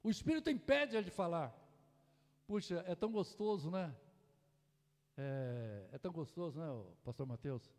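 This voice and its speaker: A man preaching a sermon in a church, shifting from soft asides to loud, impassioned exhortation. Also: a little high, expressive, normal speed, long pauses. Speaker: pastor. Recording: echoey church hall.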